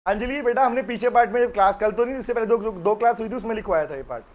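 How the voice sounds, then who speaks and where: A man's voice: high voice, rapid-fire. A man teaching company law in a live online class, chatty and teasing with his students.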